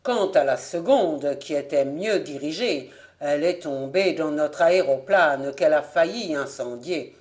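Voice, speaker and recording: A proud middle-aged French aviator protests his arrest, voiced by an audiobook reader. His voice sits a little lower and louder than the narration, firm and declaiming. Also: measured pace, natural voice. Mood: explaining. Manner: forceful, declaiming.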